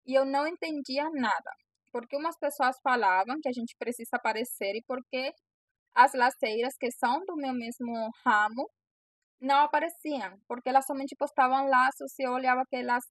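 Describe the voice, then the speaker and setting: A woman's voice: sits high, fairly bright tone, no echo. A young woman from Venezuela with a Venezuelan Spanish accent, a native Spanish speaker giving earnest, encouraging coaching to camera. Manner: earnest, encouraging, repeats phrases. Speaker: bow-maker coaching sellers. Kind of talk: direct-to-camera coaching talk.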